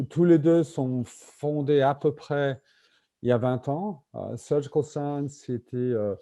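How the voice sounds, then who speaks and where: A man's voice: mid-range voice, mellow. A native English-speaking man with a British accent in French, giving a conference presentation and hesitantly searching for his words. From Britain. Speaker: invited conference speaker, medical simulation executive.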